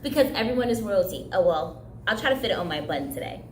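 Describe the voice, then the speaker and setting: A young woman whose first language is Haitian Creole runs a casual craft tutorial for kids in a recreation center room, talking fast in an expressive, medium-pitched voice. She's upbeat and chatty and laughs easily, with an echoey room and slight background noise around her.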